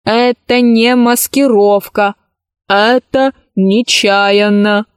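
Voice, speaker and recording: A woman reading a children's story aloud, voicing a stubborn, literal-minded ship's service robot in a slow, measured way. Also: medium pitch, fairly even intonation, clean tone, dry recording, studio quality. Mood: mournful.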